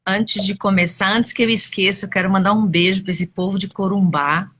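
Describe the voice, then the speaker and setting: A woman's voice: mid-range voice, fairly even intonation, fairly quick, fairly bright tone, a little hiss or hum. A woman, a storyteller and psychologist, narrating expressively over a video call webcam.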